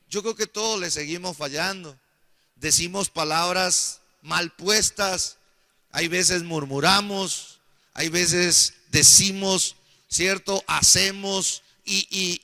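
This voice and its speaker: A pastor preaching a sermon in a church, calling out for amens and rising to near shouts. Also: male voice, sits high. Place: church hall. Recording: hall reverb.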